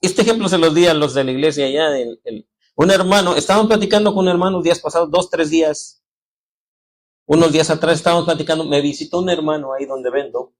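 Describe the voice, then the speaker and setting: A man with a Mexican Spanish accent, preaching a sermon as pastor, telling lively stories and calling his listeners brothers and sisters. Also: a little high, quick pace. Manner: animated storytelling, acting out quoted voices.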